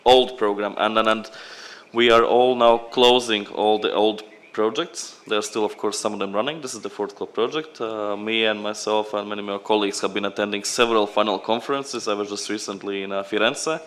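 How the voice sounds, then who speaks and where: Lower-voiced man. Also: fairly even intonation, brisk, few pauses, fairly bright tone. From Latvia. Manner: loose, unscripted delivery. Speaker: program representative at a conference. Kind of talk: conference presentation.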